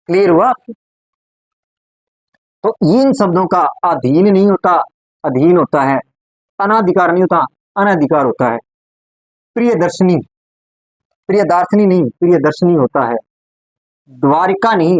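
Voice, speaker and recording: A man with a Rajasthani Hindi accent teaches grammar in a slightly high voice. The sound is close and dry, with no room echo. He drills each word by repeating it and keeps asking his students questions. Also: darkish tone. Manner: repeats words, quizzes students with rhetorical questions. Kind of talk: classroom lecture.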